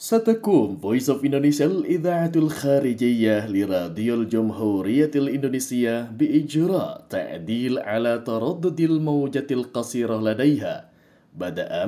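Mellow, lively-pitched male announcer in formal Arabic. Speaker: radio announcer.

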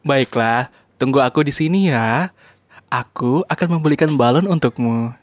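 The lesson narrator voicing a kind young man who gently comforts a crying child in a scripted dialogue. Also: mid-range voice, unhurried, dry recording, lightly acted. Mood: soothing. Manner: gentle, soothing, reassuring.

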